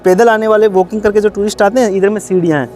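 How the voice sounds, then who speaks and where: A man's voice: high voice, steady tone, rapid-fire, a little mellow, faint music behind. A man working as a tour guide, explaining things to visitors outdoors in a chatty, lecturing way. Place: outdoors at a historic palace.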